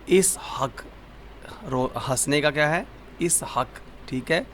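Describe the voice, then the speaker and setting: A man teaching vocabulary, repeating each word slowly and asking the listener what it is called. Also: on the high side, a bit bright, a little hiss or hum. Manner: slow, repetitive drilling of words. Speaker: Arabic teacher. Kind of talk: vocabulary lesson.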